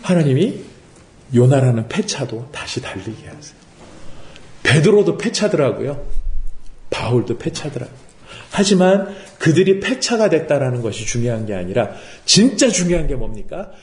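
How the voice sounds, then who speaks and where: A man's voice: medium pitch, very animated, moderate pace, darkish tone, roomy sound. A man preaching a sermon as pastor, asking rhetorical questions and acting out quotes. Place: worship service room.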